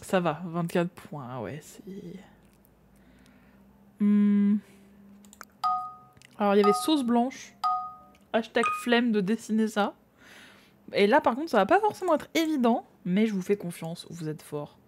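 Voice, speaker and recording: A young woman talking casually to her live-stream audience while she draws. She laughs often and drops into quiet mutters as she concentrates, at an ordinary, middle pitch for a woman. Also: big pitch swings, a little slow, long pauses, background noise.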